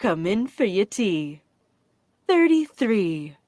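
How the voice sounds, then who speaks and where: A female bingo caller reads out numbers with their rhyming nicknames. She takes her time, very slowly spacing each short call, and her pitch swings in a lively way. Loud music plays behind her. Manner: slow, deliberate announcing in short separated calls.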